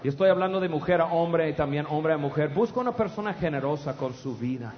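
A middle-aged man, preaching a humorous storytelling sermon in an animated, loud way with stammered restarts. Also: on the high side, fast talker, a little hiss or hum. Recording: dull, echoey hall with audience.

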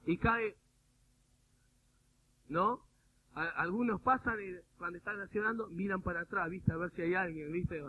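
A man with an Argentine accent preaches with animated humor, throwing in mimicked voices. His voice sits high for a man. The sound is thin and phone-like, as if from a radio broadcast, with a faint hiss underneath. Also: moderate pace, long pauses. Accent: Argentine Spanish. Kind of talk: sermon.

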